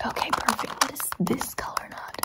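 Woman in a fast whispered ASMR role-play. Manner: fast, brisk ASMR whispering with repeated words. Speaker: ASMR performer playing a personal-attention attendant.

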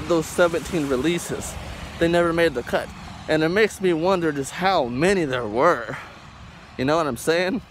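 A young man reviewing music in a rambling vlog, speaking loudly and emphatically through a face mask that muffles his words, recorded on a phone outdoors. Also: on the high side, slight background noise. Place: outdoors in a parking lot. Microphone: phone held close at arm's length.

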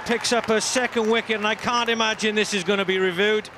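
Man, cricket play-by-play, high pitch, excitable peaks, noisy stadium. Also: fast talker. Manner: builds to shouts on big moments. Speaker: cricket commentator. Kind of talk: live sports commentary. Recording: broadcast mic over loud stadium crowd and noise.

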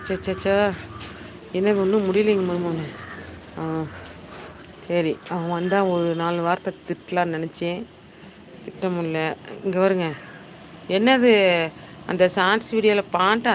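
A woman's voice: mid-range voice, a little hiss or hum, poor audio. A middle-aged woman hosting a casual live stream, chatty and teasing, full of exclamations as she reads viewers' comments into her phone. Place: hill town in the Nilgiris.

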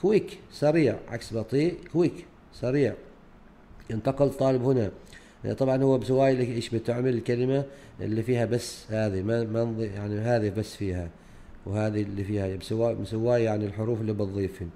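Male teacher with a Gulf Arabic accent, dark mellow tone, hesitant explanatory delivery that mixes Arabic and English words. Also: on the low side, steady tone, quick pace. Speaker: teacher explaining a grade-four English unit. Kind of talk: recorded lesson walkthrough.

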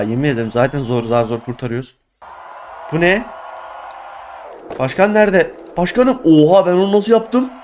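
A young man giving excitable let's play commentary, exclaiming and groaning at his failures. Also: a little high, slight background noise. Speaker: gaming YouTuber.

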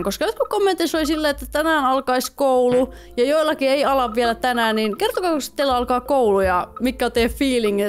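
A young Finnish woman giving casual let's-play commentary, reading game text aloud and chatting to her viewers. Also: on the high side. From Finland. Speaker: gaming YouTuber. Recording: faint music behind voice.

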